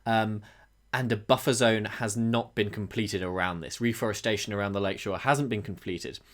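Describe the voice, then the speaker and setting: A man co-hosting a wildlife podcast, explaining things thoughtfully with frequent pauses and restarts. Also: on the low side, steady tone, a bit bright. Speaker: podcast co-host. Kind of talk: conversational podcast discussion.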